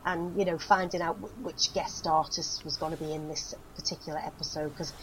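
A woman's voice: low voice, fairly even intonation, fairly quick, fairly bright tone, a little hiss or hum, rough recording. A middle-aged woman being interviewed, chatting and reminiscing with frequent laughs and fillers. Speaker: guest, actress. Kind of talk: casual chat, reminiscing.

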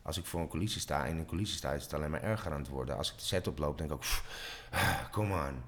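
A middle-aged man, an actor and voice actor, chatting in an animated way and sometimes slipping into voices. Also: rapid-fire. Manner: animated, swings pitch, slips into voices. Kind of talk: casual interview talk.

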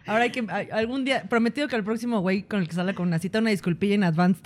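A woman's voice: mid-range voice, racing. Mexican woman, 30s, podcast co-host; sarcastic, playful, slangy. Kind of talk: casual chat.

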